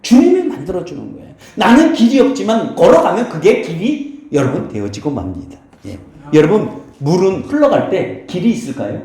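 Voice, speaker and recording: A male pastor preaches a sermon in a very echoey church sanctuary, his high-pitched, dark-toned voice swinging widely in pitch at a moderate pace with few pauses. He poses questions to his listeners, answers them himself, and repeatedly turns to bless the congregation.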